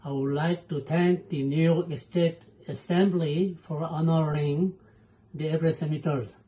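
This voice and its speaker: A man's voice: on the high side, steady tone, a little slow, dark tone, a little hiss or hum, low-quality recording. A man, an association president, giving a brief, polite video greeting.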